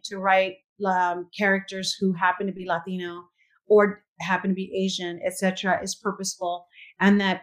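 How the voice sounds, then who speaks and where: A woman from the United States, a director and writer, speaking earnestly and thoughtfully as a podcast guest, with pauses and fillers. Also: mid-range voice, low-quality recording. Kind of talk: casual interview chat.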